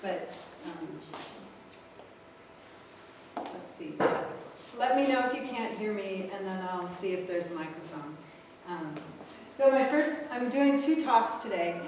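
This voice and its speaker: Woman guest lecturer, relaxed and friendly, mid pitch, far off-mic in a very echoey room with clear background noise. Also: slow pace, long pauses. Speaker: guest speaker on fiddles. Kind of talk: informal lecture.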